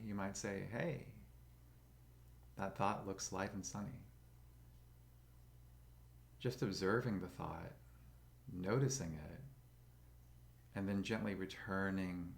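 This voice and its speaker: A man leading a guided meditation, speaking slowly and gently in a soothing way. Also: low voice, gravelly.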